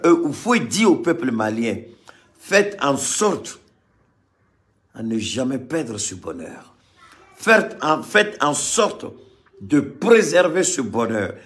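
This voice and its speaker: A man from Mali gives passionate political commentary in front of a live crowd, stressing points by repeating phrases and varying between loud and quiet. His pitch is medium.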